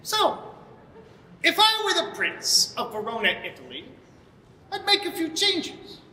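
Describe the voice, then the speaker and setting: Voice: very high voice, huge pitch swings, a little slow, bright, forceful tone, full character voice. A performer voicing a boastful old Italian man with princely ambitions, grand and declamatory in comic stage verse. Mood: grand, opinionated. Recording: echoing hall, faint noise.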